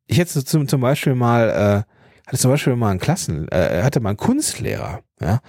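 A man in his thirties muses openly into a close podcast mic, his voice in an even middle register. He restarts sentences, adds fillers and now and then snags on a consonant. The room sounds dry, with no echo. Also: mid-range voice, moderate pace. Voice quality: stutters on some consonants. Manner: thinking aloud, many restarts and fillers. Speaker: podcast host. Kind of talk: personal reflective monologue.

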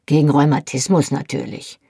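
A narrator voicing Jamie, a wry, good-humoured young Scottish man with dry, teasing replies, in a gravelly, husky voice. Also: medium pitch, steady tone, moderate pace, mellow, no echo.

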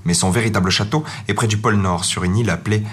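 A man's voice: on the low side, quick pace, a little hiss or hum, natural voice. A man doing a dreamy reindeer. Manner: dreamy, proud. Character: reindeer, yearning for the snowy north.

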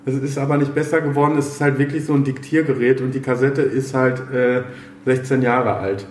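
A male podcast host with a mid-range voice chats casually and haltingly. He sounds roomy and echoey, with faint noise behind him. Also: medium pitch, steady tone. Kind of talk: casual chat.

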